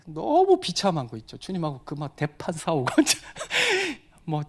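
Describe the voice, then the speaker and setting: A middle-aged man preaching a personal testimony, swinging from quiet murmurs to loud exclamations with frequent laughter. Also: fairly high pitch, wildly swooping pitch, a little slow, slight background noise. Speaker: missionary preacher. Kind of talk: sermon testimony.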